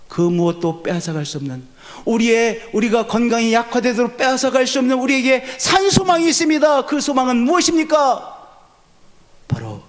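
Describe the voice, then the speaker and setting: A man in his sixties preaching a sermon, asking the congregation questions and answering them, moving from loud urgent peaks to low hushed endings. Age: 60s. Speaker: pastor.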